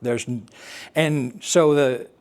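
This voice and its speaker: An American man with a medium-pitched, slightly mellow voice gives a personal talk to an assembly. He describes his air traffic controller experience haltingly, pausing as he explains.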